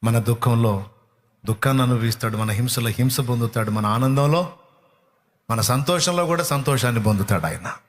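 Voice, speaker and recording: A man's voice: mid-range voice, moderate pace. A man preaching a sermon, impassioned, with many repeated phrases and rhetorical questions to the listeners.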